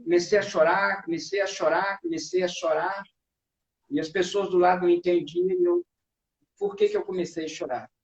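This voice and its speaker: A man's voice: sits high, animated, normal speed. A man earnestly telling his personal testimony as a guest, often adding "né". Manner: earnest, full of fillers like "né". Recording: echoey, dull-sounding room.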